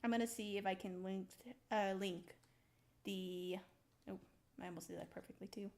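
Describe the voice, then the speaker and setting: A young woman casually talking through her building in a video game, rambling slowly with lots of ums and little laughs. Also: medium pitch, fairly even intonation, darkish tone. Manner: slow, rambling, giggly, full of ums. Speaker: streamer building in a survival game. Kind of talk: casual gameplay commentary.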